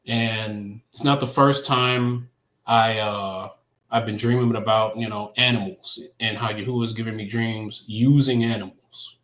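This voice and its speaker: Casting note: man, low voice, hesitant storyteller who keeps restarting, echoey room. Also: fairly even intonation, fairly bright tone. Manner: halting, many ums and restarts. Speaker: co-host. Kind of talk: casual faith chat, recounting a dream.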